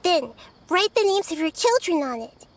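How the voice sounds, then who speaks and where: Gentle girl goddess Nahida. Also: very high voice, sing-song, normal speed. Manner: soft, thoughtful, patient. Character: young girl goddess, gentle, curious and wise. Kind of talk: game voice acting. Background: game music.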